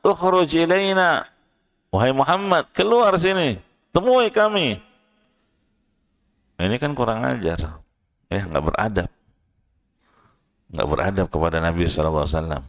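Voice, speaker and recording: A man with an Indonesian accent teaching a study session in a mosque. He explains in plain everyday speech and often checks in with his listeners. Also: low-pitched. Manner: chants verses slowly, then raises his voice to act out the shouting. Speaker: Quran teacher.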